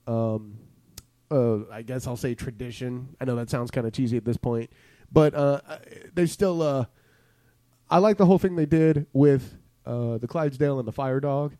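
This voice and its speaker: A man's voice: mid-range voice, moderate pace, dark tone, dry recording. A man hosting a podcast in casual chat, rambling and joking, acting out lines from ads. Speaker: podcast host.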